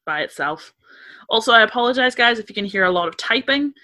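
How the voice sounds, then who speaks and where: A woman co-hosting a podcast over a video call from her flat, chatting in a detailed, laughing way. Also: a little high, fast. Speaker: podcast co-host. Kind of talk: casual chat. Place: main room of a flat at night.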